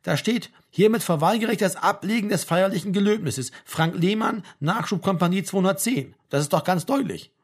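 A man voicing a stubborn young male army conscript who gives flat, insistent replies. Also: high voice, brisk, hardly any pauses, breathy edge, pitched above the performer's own voice.

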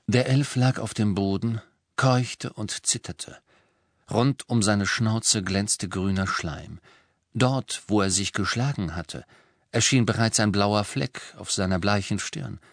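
A man narrating an audiobook in a measured, even storytelling manner. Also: on the low side, no echo. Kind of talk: scripted narration.

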